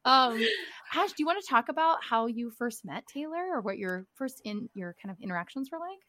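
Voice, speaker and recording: A woman's voice: on the high side, animated, fairly quick, sharp tone. A woman co-hosting a podcast, chatting in a playful, sing-songy way. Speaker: podcast co-host. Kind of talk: casual podcast chat.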